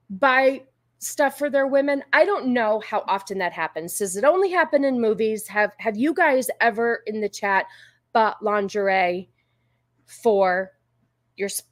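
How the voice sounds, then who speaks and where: A woman's voice: medium pitch, dry recording. A woman hosting a livestream, chatting casually and informally with viewers, rambling and easily sidetracked. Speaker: livestream host. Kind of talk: casual chat with live viewers.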